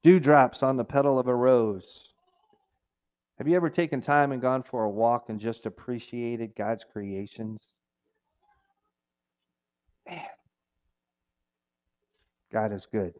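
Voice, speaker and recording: A man's voice: medium pitch, fairly even intonation, takes it slowly, pauses often, a little mellow. Conversational middle-aged male preacher. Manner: conversational preaching, mimics complainers in a raised whiny voice. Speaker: pastor. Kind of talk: sermon.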